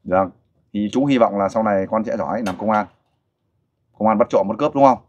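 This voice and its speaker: A man's voice: lowish voice, a little fast, highs cut off. Coaxing Vietnamese man interviewer. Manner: coaxing, animated with the child. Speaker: host interviewer for a volunteer group. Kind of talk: casual interview.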